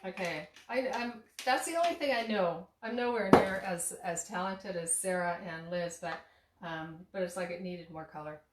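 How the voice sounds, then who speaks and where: A woman with a lowish voice speaks at a moderate pace in a very noisy recording from her echoey home kitchen. A tea shop owner and cooking vlogger, she rambles through a casual demo chat with many restarts and fillers, laughing at herself, her voice slightly hoarse and fading.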